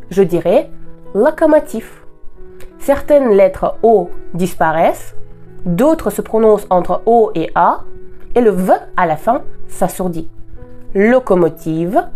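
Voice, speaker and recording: A woman from Russia, a native Russian speaker, giving a scripted language lesson and slowing down to pronounce example words with care. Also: mid-range voice, warm tone. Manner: clear, deliberate teaching, slowing to model example words. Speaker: language teacher.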